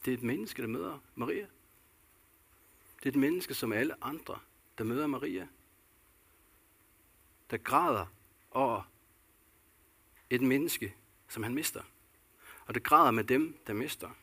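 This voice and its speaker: A man preaches a sermon in a gravelly, husky voice with a bright, forceful edge. He talks earnestly, asking rhetorical questions and repeating phrases for weight. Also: medium pitch, animated, pauses often. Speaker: pastor.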